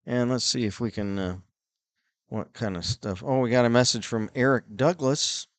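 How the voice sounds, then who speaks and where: With a mid-range voice at normal speed, a middle-aged man rambles through filler chat on a hockey broadcast, reading out viewer messages amid plenty of fillers. The recording is dry.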